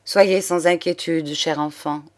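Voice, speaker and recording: A woman reading the lines of an elderly count, a grieving but energetic aristocratic father who speaks earnestly and tenderly in an audiobook of a crime novel. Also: sits low, a little slow. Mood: reassuring. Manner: earnest, paternal, exclamatory.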